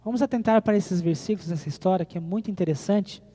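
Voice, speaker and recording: A man preaching a sermon, swinging between loud appeals and quiet moments and putting questions to the congregation. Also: sits high, fast. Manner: animated preaching, rising and falling, rhetorical questions to the congregation. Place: church hall. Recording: reverberant church hall.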